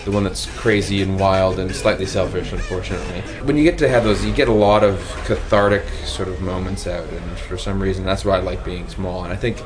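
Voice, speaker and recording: A man who is a puppeteer, giving reflective, halting answers in an interview. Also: deep voice, fairly even intonation, background noise.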